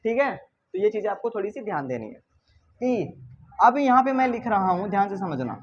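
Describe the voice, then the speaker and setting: A man's voice: high-pitched, sing-song, normal speed, a little hiss or hum. A male teacher giving a grammar lesson, constantly asking rhetorical questions and repeating the key words, with a playful, chiding manner. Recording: dull lo-fi recording.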